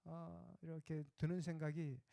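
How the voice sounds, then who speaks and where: This is a male pastor delivering a Sunday sermon in a relaxed, conversational style, telling stories and pausing with small fillers. His voice is fairly high for a man, and the sound is dry and close to the mic. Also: vocal fry, no room sound.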